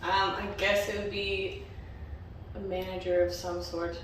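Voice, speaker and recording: A woman's voice: mid-range voice, level tone, a little slow, low-quality recording. A woman chatting casually as a farm worker being interviewed inside a barn, hesitant and thinking aloud. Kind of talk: casual chat. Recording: loud animal and barn noise. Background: animals, loud farm noise.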